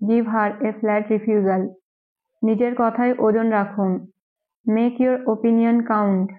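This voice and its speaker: A woman English teacher, a native Bengali speaker, reading daily phrases and repeating each one twice, very slowly. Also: on the high side. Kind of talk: slow drill reading of phrases. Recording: tinny phone-like recording.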